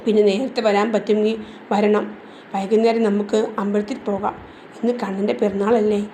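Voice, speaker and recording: A woman reading the part of a kindly old grandmother speaking gently and caringly. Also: mid-range voice, flat delivery, fairly quick, slight background noise, close to an everyday voice.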